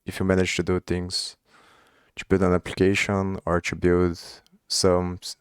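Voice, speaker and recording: A young Brazilian coding streamer talks casually in Portuguese-accented English, thinking out loud with false starts and phrases left hanging. The delivery is low-pitched, totally flat and unhurried, with a clean tone in a dry, studio-quality recording.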